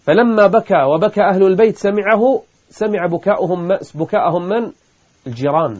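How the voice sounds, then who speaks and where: A man's voice: sits high, fairly quick, a little mellow, lo-fi sound. A man preaching an emotional sermon, building to emphatic peaks and at times chanting scripture. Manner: impassioned, rising to emphatic peaks. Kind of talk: emotional sermon with Quranic recitation.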